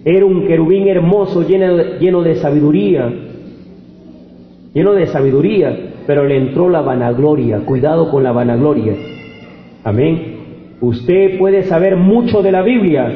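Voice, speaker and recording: A pastor from Peru preaching a sermon with call-and-response to the congregation, acting out quoted prayers in a low hushed voice. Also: male voice, slight background noise. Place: church hall. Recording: echoey hall, phone-like lo-fi.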